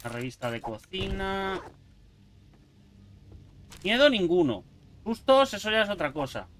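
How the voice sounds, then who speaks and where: A young man giving jokey, excitable commentary while playing a survival game, yelping at sudden scares. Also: high-pitched, a little slow, a little hiss or hum. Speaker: gaming YouTuber. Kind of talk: gameplay commentary.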